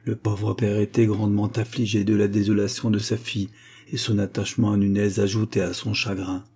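Male audiobook narrator, measured, husky, warm tone. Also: on the low side, level tone. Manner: measured, literary. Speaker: audiobook reader. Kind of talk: scripted narration.

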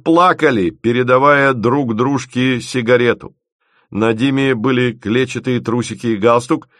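A man narrating an audiobook in an expressive, lively reading. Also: medium pitch, no echo, studio quality.

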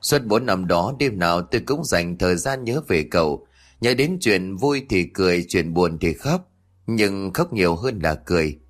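A man narrating a ghost story in a measured, earnest reading voice. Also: sits low.

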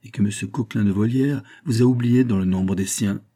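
A man voicing a huge masked giant who speaks in a booming, threatening way in a storybook reading. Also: a little fast, warm tone. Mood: menacing. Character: huge masked male giant, menacing and mocking.

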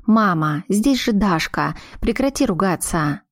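A woman's voice: medium pitch, lively intonation, a little slow, no room sound, clean studio sound. A woman voicing a wounded, emotional grown daughter, pleading and breaking with feeling, in a read audiobook.

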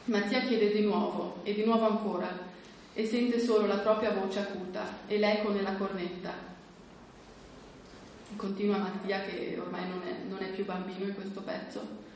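A woman reading a literary excerpt aloud at a book presentation in a measured, steady way. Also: mid-range voice. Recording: very echoey room, faint background noise.

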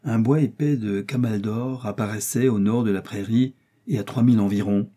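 A man reading a novel aloud as an audiobook narrator in a steady, measured way. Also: lowish voice. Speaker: audiobook reader. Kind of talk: scripted narration.

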